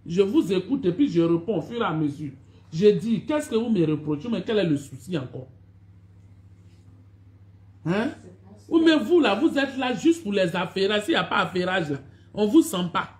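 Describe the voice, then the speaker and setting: Hosting a live stream from her phone, an online video personality greets her followers over and over and scolds them for not showing up, sounding repetitive and reproachful. Her voice is medium-pitched and very animated, at normal speed, with a darkish tone.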